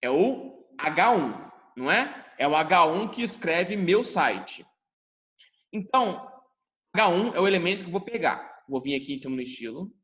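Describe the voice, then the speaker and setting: A lively classroom lesson is delivered by a Brazilian man who speaks directly to students and dramatizes their questions, in a Brazilian Portuguese accent. His high-pitched, very animated voice is a bit bright and moves at a normal speed. Audio is dull with long reverb.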